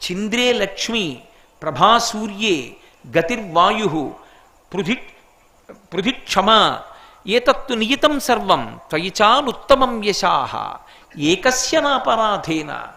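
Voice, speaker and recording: Man as a devoted younger brother; pleading, high and bright. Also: heavily acted. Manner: imploring, reciting verse.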